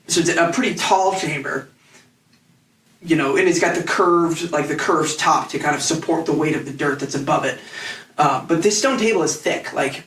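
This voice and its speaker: A man narrating a tabletop game as game master, describing scenes in halting, rambling phrases with many restarts. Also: a little high, a bit bright, recorded from a distance. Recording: echoey room, off mic.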